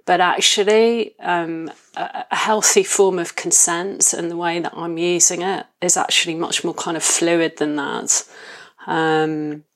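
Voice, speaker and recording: Lower-voiced woman speaking thoughtfully as a guest. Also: fairly even intonation. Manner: thoughtful, hesitant, pausing to reformulate. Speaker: interview guest. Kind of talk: reflective conversational interview.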